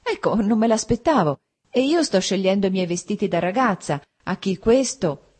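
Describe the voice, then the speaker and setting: A woman reading a novel aloud, voicing an emotional, impulsive young bride in a breathy voice. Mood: delighted. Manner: high, excitable, quick to alarm. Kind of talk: audiobook character reading.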